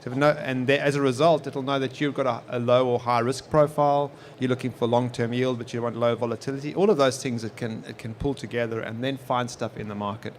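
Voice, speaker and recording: This technology executive, a South African man in his forties, talks quickly with few pauses in a steady, mid-range voice. As a guest at a live podcast on an expo stage, he explains things in relaxed conversational interview replies.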